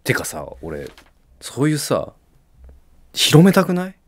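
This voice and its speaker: A man's voice: fairly high pitch, huge pitch swings, takes it slowly, no echo. A young man co-hosting a comedy podcast, chatting casually with teasing jokes and reading out listener mail. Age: young adult.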